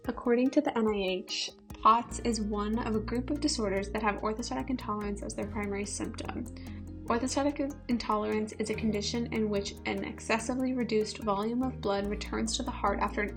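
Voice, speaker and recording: A woman narrating and asking interview questions in a clear, read-aloud way. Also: fairly high pitch, steady tone, a little fast. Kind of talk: scripted narration. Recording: music underneath.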